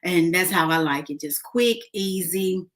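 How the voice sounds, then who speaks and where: An adult woman who is a mother of a son vlogs casually while eating a snack, chatting in a lowish, unhurried voice with many fillers.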